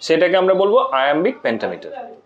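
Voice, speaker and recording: A man's voice: a little high, wildly swooping pitch, fast talker, dull audio. A man teaching an exam-prep lesson on poetic meter, explaining step by step and repeating key words.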